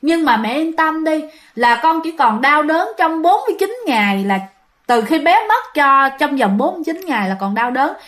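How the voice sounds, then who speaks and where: A woman voicing a dead young child who speaks gently and reassuringly to its mother. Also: high voice, animated, moderate pace, pitched above the performer's own voice.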